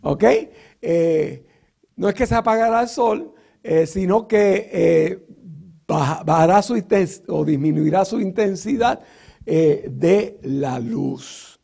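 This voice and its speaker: High-voiced gravelly man preaching a sermon. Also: slow pace, warm tone. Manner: teaching Bible verses with rhetorical questions; frequent filler sounds and restarts.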